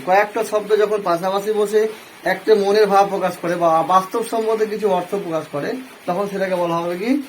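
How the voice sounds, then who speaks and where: A man with a Bengali accent teaches an English grammar lesson step by step, asking his own questions and then answering them. His voice is high with a darkish tone, and the poor audio has slight background noise.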